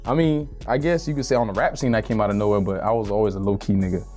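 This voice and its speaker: Laid-back young man, flat and low. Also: very fast, soft background music. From Miami, Florida. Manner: laid-back street slang, lots of "you feel me". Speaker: rapper, interview guest. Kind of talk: casual interview.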